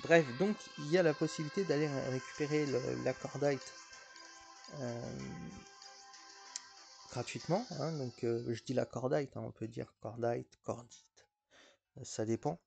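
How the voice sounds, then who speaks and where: A man's voice: mid-range voice, normal speed, gravelly, over music. A man giving casual, rambling gameplay commentary as a mobile gaming YouTuber, with frequent hesitations and restarts.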